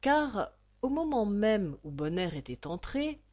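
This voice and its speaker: Lectrice lente et expressive. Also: female voice, medium pitch, a little slow. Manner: expressive, theatrical. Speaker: audiobook reader. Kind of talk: dramatic audiobook narration.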